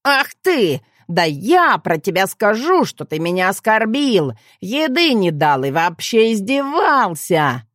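A woman voicing a haughty, whiny male frog who is a cursed prince, indignant and nasal in a high voice. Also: big pitch swings, slow, few pauses, a bit bright, no echo, studio quality. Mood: outraged.

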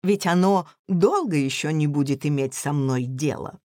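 A woman voicing a prim, calm governess in a read-aloud story, speaking in a measured, dry manner. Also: deep voice, dry recording, pitched below the performer's own voice, natural voice. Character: prim, unflappable governess woman, cool and precise.

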